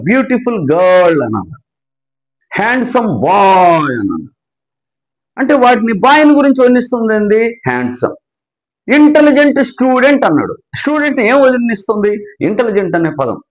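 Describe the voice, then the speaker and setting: A man with an Andhra Telugu accent teaching English grammar, asking questions and answering them himself, and slowing down to dictate definitions. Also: high-pitched, very animated, poor audio. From Andhra Pradesh. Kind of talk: explanatory grammar lesson.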